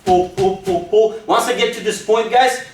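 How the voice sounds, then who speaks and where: A little hiss or hum sits under this high-pitched man, who speaks at normal speed far from the mic in an echoey room. Enthusiastically demonstrating wrestling technique, he leads students through every step with frequent "okay?"s and "super"s.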